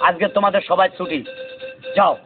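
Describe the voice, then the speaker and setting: A man's voice: high voice, flat delivery. A man, playing a bossy, greedy music teacher in a comedy skit. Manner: bossy, greedy, sings off-key in a drawn-out way. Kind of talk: comic skit acting. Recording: tinny lo-fi audio with loud music.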